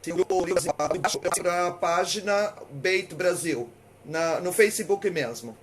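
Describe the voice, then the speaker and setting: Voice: mid-range voice, moderate pace. An event organizer making a casual, chatty announcement before a talk.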